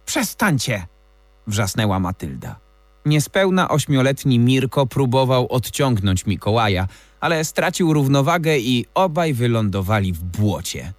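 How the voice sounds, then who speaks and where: A man narrating a children's audiobook in a measured, expressive reading style. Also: mid-range voice, no echo. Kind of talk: scripted storybook narration.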